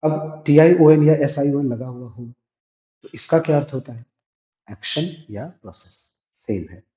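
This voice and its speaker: In an echoey room with dull lo-fi sound, a man speaks at a normal speed with a warm, medium-pitched voice. His classroom-style English grammar lesson goes step by step, and he answers his own questions along the way.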